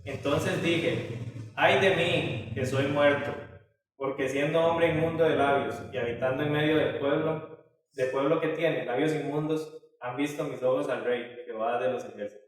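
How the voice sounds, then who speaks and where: A man's voice: medium pitch, fairly even intonation, moderate pace. A man teaching a Bible study lesson in a conversational way, with many filler tags and restarts. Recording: echoey hall from far off.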